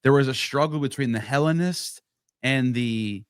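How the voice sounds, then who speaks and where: A man in a casual podcast discussion, either a co-host or a guest, thinks aloud in bursts and restarts often. His medium-pitched voice is clear and resonant at a moderate pace, recorded clean in a studio with no echo.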